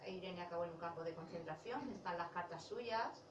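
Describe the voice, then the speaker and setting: A woman's voice: fairly low pitch, brisk, dull audio. Woman author chatting in a roomy bookshop. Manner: chatty, self-correcting, laughs while talking. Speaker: author presenting her novel. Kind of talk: casual book talk. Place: bookshop event room. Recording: roomy, distant mic with faint hiss.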